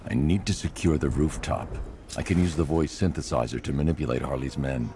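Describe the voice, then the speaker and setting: Batman, extremely deep grim vigilante. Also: noisy background. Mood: grim, controlled. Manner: terse, grim, deliberate. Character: brooding adult male masked vigilante hero, grim and controlled. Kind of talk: video game voice acting.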